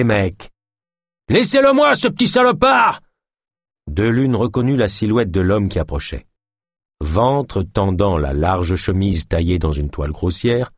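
Low husky guy reading a story aloud, lively up and down, dry close sound. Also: no room sound. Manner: expressive storytelling, voicing every character. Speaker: narrator. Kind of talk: audiobook narration.

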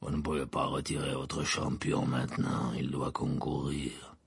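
A battle-hardened old wizard growls every line. The voice sits extremely low, raspy and gravelly, slow and calmly threatening. The sound is close and dry. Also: male voice, no room sound, heavily acted. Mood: growling menace. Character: gruff battle-scarred old male wizard, menacing. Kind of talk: audiobook character voice.

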